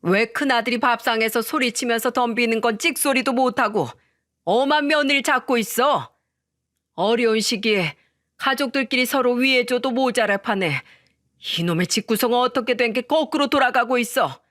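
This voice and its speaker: A woman voicing a stern older father who runs a company, scolding loudly in a spoken drama story. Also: moderate pace, dry recording, studio quality, natural voice. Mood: furious. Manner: scolding, booming.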